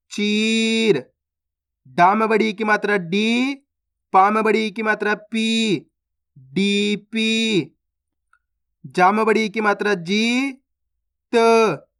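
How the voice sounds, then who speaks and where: A man teaching Hindi reading, sounding out syllables slowly and stretching each word, with quicker explanations between. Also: high-pitched, a bit bright. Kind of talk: slow phonics lesson, drawn-out syllables.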